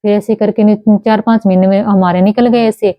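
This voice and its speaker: A young woman telling her own story in a halting way, often breaking off and restarting her words. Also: mid-range voice, fairly even intonation, no echo, dull audio. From Haryana. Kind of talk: personal testimony.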